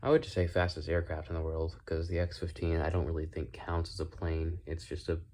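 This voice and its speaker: A man speaks in a deep, low register with noticeable whistling on his s sounds. He talks casually on his own, thinking aloud and wandering from one thought to another. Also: fairly even intonation, a little fast, a little mellow. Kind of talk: casual rambling solo monologue. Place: indoors in own room.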